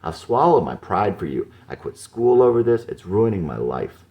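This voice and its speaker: A man's voice: on the low side, sing-song, normal speed, muffled recording, pitched above the performer's own voice. A man voicing a lovesick young man who pleads with anxious, raised questions. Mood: bitter.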